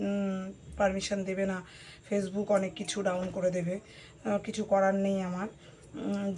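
A hoarse woman chatting casually to her viewers at home while cutting vegetables. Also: medium pitch, a little mellow, a little hiss or hum. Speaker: vlogger. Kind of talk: casual vlog chat to viewers.

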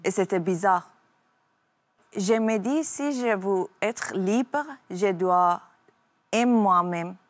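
A young woman from Iran, a talk show guest speaking halting French and searching for her words. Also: medium pitch, slight background noise.

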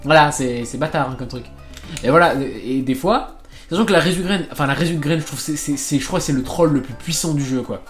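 A man's voice: fairly high pitch, a little fast, faint music behind. Man rambling over a game. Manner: rambling, swears, many fillers and restarts. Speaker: gaming channel host. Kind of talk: casual let's play commentary.

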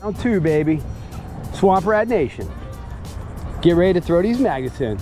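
An excited man narrating his magnet fishing outdoors at a waterfront, hyped and shouting catchphrases. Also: high voice, moderate pace, faint music behind. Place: outdoor waterfront docks and park.

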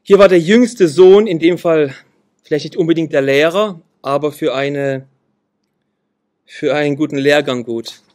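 Guy preaching a sermon, kinda high voice, earnest, repeats stuff for emphasis. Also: unhurried, darkish tone. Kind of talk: sermon with Bible reading.

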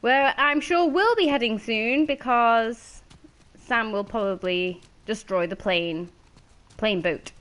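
A woman's voice: on the high side, slow, fairly bright tone. A woman streaming a game, chatting casually, greeting viewers by name and laughing easily.

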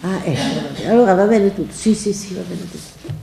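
A woman's voice: medium pitch, moderate pace, gravelly, mellow. An older woman, a guest speaker, telling anecdotes at a public event and quoting others in dialogue. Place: library event hall. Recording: echoey hall, faint noise.

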